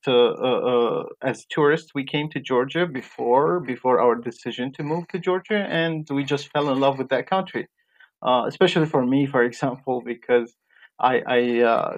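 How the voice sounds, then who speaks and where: Young man, interview guest, hesitant and filler-heavy, muffled lo-fi audio. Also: mid-range voice. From Iraq, raised in Jordan. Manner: halting, many fillers and restarts. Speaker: guest, medical graduate. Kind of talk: interview answers. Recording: dull lo-fi sound.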